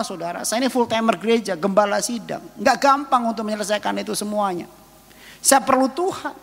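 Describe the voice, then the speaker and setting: A man preaching a sermon as pastor, emotive and telling personal stories, swinging between loud and hushed and joking with the congregation. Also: extremely high pitch, in a large hall.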